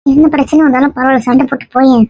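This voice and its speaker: In a family skit, a woman plays a mother who scolds and teases her daughter at a rapid clip. Her voice is high-pitched, and her intonation stays fairly even. The recording sounds dull, dry and lo-fi.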